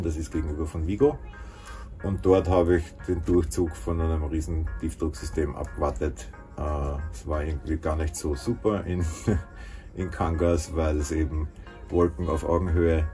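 A man speaks casually to a camera held close in a small boat cabin. He is relaxed and chatty, dropping easy fillers as he goes. Faint music plays underneath. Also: very deep voice. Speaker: solo sailor vlogging his voyage. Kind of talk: casual spoken vlog. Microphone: camera at arm's length.

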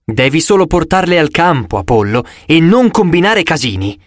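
Male reader doing a stern goddess, slow firm delivery, lower and deliberate, dry close sound. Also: big pitch swings, no echo. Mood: commanding. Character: stern commanding female moon goddess.

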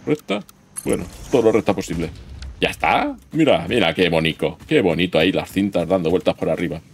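A man's voice: low-pitched, expressive, a little fast, creaky, a little hiss or hum. A man casually commenting while he plays a building game, chatting and joking with himself and the game. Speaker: gameplay streamer. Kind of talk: casual let's-play commentary. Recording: game music loud behind.

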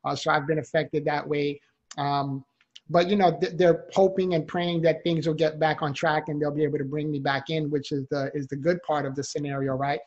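A man's voice: a little high, level tone, a little fast, a little mellow, lo-fi sound. Earnest man on a video call. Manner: earnest, conversational, with many fillers. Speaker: guest, motivational speaker. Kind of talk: telling his life story in a TV interview. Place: home office with a window. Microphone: desktop condenser mic on a video call.

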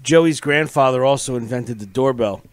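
A man's voice: medium pitch, very noisy. A man bantering on a comedy podcast, tossing out puns and laughing. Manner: joking, quick puns, laughing.

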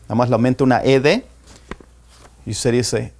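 Gravelly-voiced man teaching English phrases. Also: mid-range voice, steady tone, a little mellow. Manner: explains slowly, repeating example phrases for learners. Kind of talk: spoken lesson.

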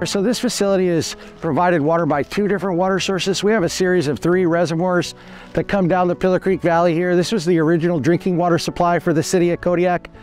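A fast-talking man in his forties, the manager of a creekside fish hatchery, explains the site on an outdoor tour. His voice is high, steady in tone and a little mellow, set against soft background music. He sounds earnest and factual and keeps restarting his sentences.

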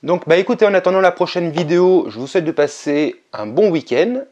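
A man narrating a casual vlog, relaxed and chatty, with frequent hesitations. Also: sits high, brisk, highs cut off. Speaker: video game collector vlogger.

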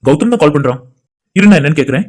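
A man voicing a casual young friend in a cartoon, relaxed and chatty. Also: a little high, very fast, lightly acted. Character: easygoing young friend on a phone call. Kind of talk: cartoon voice acting.

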